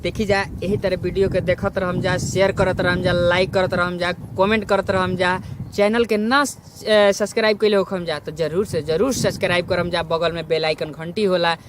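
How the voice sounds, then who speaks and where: A man's voice: sits high, level tone, normal speed. A man with a Bhojpuri accent, a singer and video performer, addressing viewers in repetitive requests. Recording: noisy outdoor recording.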